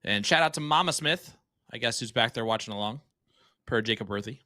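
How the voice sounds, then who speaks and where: A man's voice: medium pitch, a little fast, pushed and bright, no echo, studio quality. A man giving live darts commentary with joking banter.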